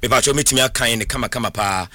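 Bright Ghanaian radio host. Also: male voice, medium pitch, racing, no echo. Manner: interjects with short murmurs of agreement. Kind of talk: casual sports talk.

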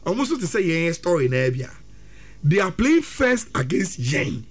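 A football pundit with a Ghanaian accent weighs up a team's chances, mixing Twi and English in lively sports talk. His high, breathy-edged voice swings widely in pitch as he speeds up and works himself into excitable, high-pitched bursts.

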